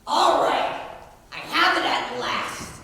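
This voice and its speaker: A woman's voice: high voice, lively intonation, slow pace, vocal fry, bright, forceful tone, exaggerated voice. A teenage girl playing a pompous, indignant villainous sheriff in a school stage play, declaiming. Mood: gloating, furious. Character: blustering, self-important Sheriff of Nottingham, indignant villain. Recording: distant, echoey stage recording with noise.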